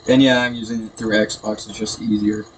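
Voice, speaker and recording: A man's voice: fairly low pitch, little pitch movement, moderate pace. Man on a tinny computer mic, noisy. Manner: hesitant, rambling. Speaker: gaming video host. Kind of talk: casual gameplay commentary. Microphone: built-in computer microphone. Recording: tinny echoey computer mic, background noise.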